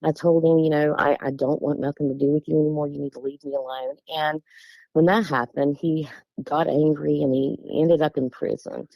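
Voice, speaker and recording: Low-voiced Appalachian woman telling her story. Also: vocal fry, no echo. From West Virginia, USA. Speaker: guest telling a personal sighting story. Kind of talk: casual personal storytelling. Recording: dull, lo-fi, dry close sound.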